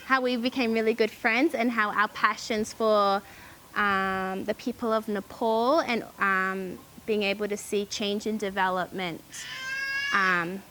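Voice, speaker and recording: A young Australian woman telling her story casually and hesitantly, with frequent ums and pauses. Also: medium pitch, fairly even intonation, sharp tone, a little hiss or hum, poor audio. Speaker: charity founder.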